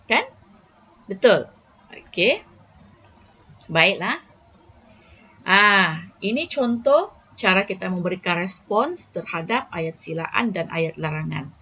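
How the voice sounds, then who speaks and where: A woman's voice: mid-range voice, a bit bright. A Malaysian woman teacher giving an online Malay lesson to young pupils, checking in with them often. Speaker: primary school teacher.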